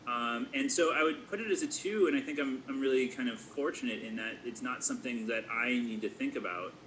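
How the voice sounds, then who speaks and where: A man's voice: mid-range voice, a little fast, sharp tone, slight background noise, poor audio. A man of forty reflecting aloud in a thoughtful, hesitant way, with frequent fillers. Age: 40s. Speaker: school staff member. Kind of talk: casual reflective conversation.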